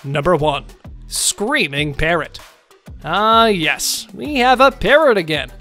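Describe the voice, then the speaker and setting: A narrator voices a scripted countdown video in a middle register, and the pitch leaps up and down all the way through. The delivery has a sing-song lilt, and faint music plays behind it. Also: expressive, slow, bright, forceful tone.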